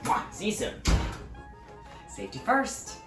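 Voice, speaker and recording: A man's voice: sits high, wildly swooping pitch, a little slow, reverberant, over loud music. A man hosting a casual cooking demonstration in a kitchen, upbeat and chatty, calling his viewers friends. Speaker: cooking video host.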